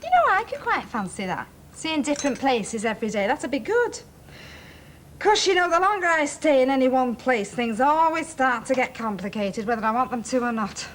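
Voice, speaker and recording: A woman's voice: high-pitched, very animated, normal speed. An actress playing a chatty young woman, heard from a worn VHS tape copy with hiss and clicks.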